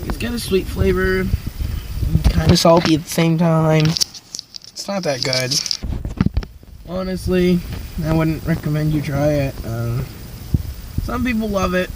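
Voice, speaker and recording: Young male amateur reviewer, high-pitched, halting and casual, rambling delivery over clearly noisy audio. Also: expressive. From northern Maine, United States. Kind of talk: casual vlog chat.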